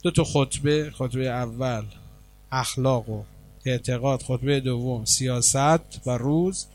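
A man preacher giving a sermon, telling a story with animation, then calmly explaining religious rules as he answers questions. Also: medium pitch.

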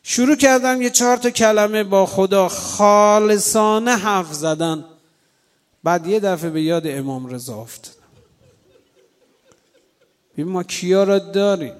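Guy preaching, high voice, fervent, talks right at the crowd, drags out the prayer calls. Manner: fervent, drawn-out pleading invocations; addresses listeners directly. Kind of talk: emotional sermon with storytelling and prayer.

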